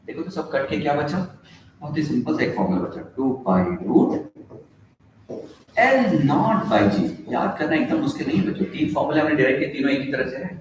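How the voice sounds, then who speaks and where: A man's voice: on the high side, lively intonation, slight background noise. Echoey, distant male physics teacher. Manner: addresses students, asks questions, dictates formulas slowly. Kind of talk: classroom lecture. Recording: echoey room, heard from a distance.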